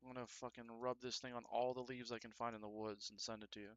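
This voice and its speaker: Bright, crisp-voiced man joking on stream. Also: mid-range voice, little pitch movement, quick pace, no room sound. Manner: joking, crude banter with chat; talks while working. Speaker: streamer sculpting a toy. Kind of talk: casual live-stream chat.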